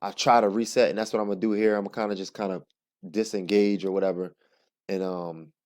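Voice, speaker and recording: A man narrating sparring footage in a casual, halting play-by-play, thinking aloud as he explains each move. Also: fairly low pitch, level tone, darkish tone. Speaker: jiu-jitsu practitioner narrating own sparring footage.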